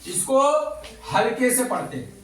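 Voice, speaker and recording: A man's voice: very high voice, very animated, unhurried, recorded from a distance. Male teacher quizzing a class, echoey. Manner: quizzes the class, repeats answers back. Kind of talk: classroom lesson.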